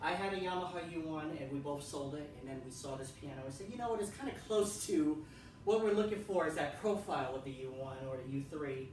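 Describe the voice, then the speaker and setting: A man rambles casually through a tour of his pianos at home, repeating himself and filling pauses with ums. He sounds set back from the mic in a strongly echoing room, with noise audible behind him. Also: fairly high pitch, darkish tone. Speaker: piano vlogger. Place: room in a house. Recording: echoey room, far from the mic.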